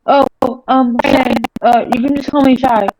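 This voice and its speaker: A woman's voice: sits high, fairly even intonation, normal speed, background noise. A woman playing a tabletop game, casually role-playing and narrating, often hesitant and repeating words. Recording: dry, slightly dull microphone sound.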